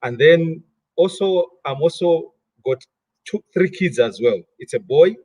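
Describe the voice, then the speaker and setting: A man in his thirties from Malawi, answering interview questions over a video call in an animated way and repeating words as he gathers his thoughts. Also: a little high, measured pace, no echo. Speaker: guest, finance director.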